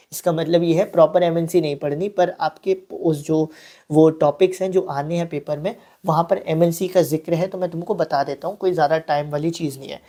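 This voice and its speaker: A young man gives a relaxed online exam-prep lecture. His voice is mellow and warm, and he keeps it conversational, slipping in English terms and breaking off for easygoing asides. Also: fairly high pitch. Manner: chatty, mixes English terms, frequent asides and "ठीक है". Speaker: online teacher.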